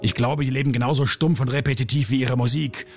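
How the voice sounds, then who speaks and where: A man voicing his own misanthropic, hot-tempered alter ego, ranting and sneering over soft piano music. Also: mid-range voice, fairly even intonation, fast talker, natural voice. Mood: ranting scornful.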